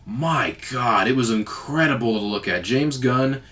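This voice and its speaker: A man's voice: medium pitch, unhurried, a bit bright. A young man giving a casual, enthusiastic spoken movie review, rambling with lots of fillers.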